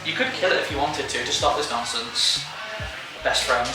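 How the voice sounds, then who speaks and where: Playful guy joking loud at the card table, higher voice, far off, big echo, music. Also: moderate pace. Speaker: card game player. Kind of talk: casual game banter.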